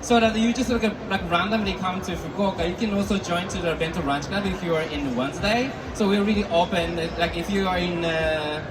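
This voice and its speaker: A man's voice: sits high, brisk, few pauses. A man moderating a live conference panel, cheering on and introducing each guest in an upbeat way. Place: conference stage. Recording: distant mic in a noisy event hall.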